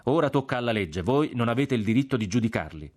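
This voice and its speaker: A man's voice: mid-range voice, expressive, fast, voice pushed up, lightly acted. A male reader voicing an officer who speaks with firm, curt authority. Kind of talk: audiobook character voice.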